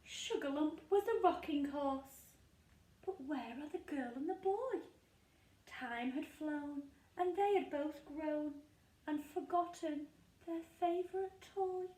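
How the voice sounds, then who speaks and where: A woman reads an expressive rhyming picture book aloud to young children, her high, dark-toned voice slow and sing-song, with dramatic pauses. She sits back from the mic in an echoey room.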